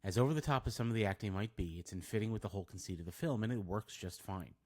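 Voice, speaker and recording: A man's voice: fairly low pitch, quick pace. A man reading a scripted film review, with wry, dry asides.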